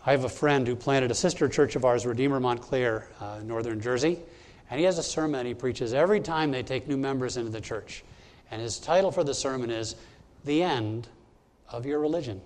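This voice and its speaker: This pastor's voice is mid-range and a little mellow, moving at a fairly quick clip. During a church service he speaks directly to the congregation, emphatically laying out his sermon one point after another.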